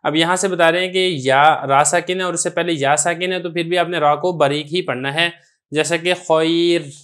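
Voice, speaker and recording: A man teaching a recorded lesson on recitation rules, explaining patiently step by step and repeating each example slowly. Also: fairly high pitch, steady tone, a bit bright.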